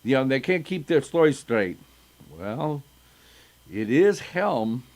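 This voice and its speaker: A man's voice: mid-range voice, sing-song, slow pace, darkish tone. An older man reading folktales aloud to children as a storyteller, chatty and breaking off into asides. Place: synagogue.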